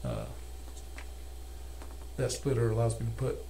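This older man, a repair technician demonstrating calibration at his bench, explains each step methodically in a cluttered electronics workshop. His mid-range voice is creaky and dark yet very animated and unhurried, and the workshop recording is noisy.

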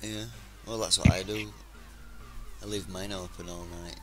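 A man's voice: sits low, level tone, normal speed. A man hosting a casual gaming live stream, chatting with a friend and joking as he thanks new followers.

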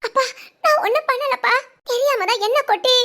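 A woman's voice: extremely high pitch, a little fast, sharp tone, heavily acted. Timid apologetic cartoon daughter, voiced by a woman. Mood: meek. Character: meek young pregnant daughter, submissive. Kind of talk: cartoon family drama voice acting.

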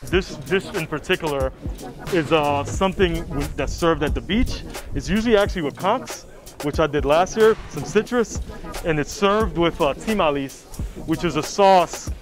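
A man in his thirties, a chef, explaining his cooking in a relaxed way with many fillers. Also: on the high side, normal speed, over music. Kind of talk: documentary interview. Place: rooftop grill, outdoors.

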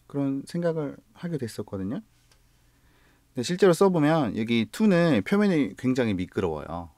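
In a casual vlog, a man with a Gyeongsang Korean accent reviews guitar gear, relaxed and explanatory, though slightly halting and sometimes correcting himself mid-word. His voice is lowish and the recording dry.

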